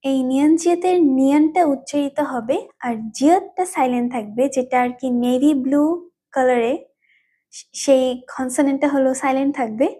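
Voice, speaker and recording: A woman teaches a language lesson, patiently explaining and repeating each term several times so learners can keep up. Her voice is high, warm, and soft-edged with a breathy quality, at normal speed.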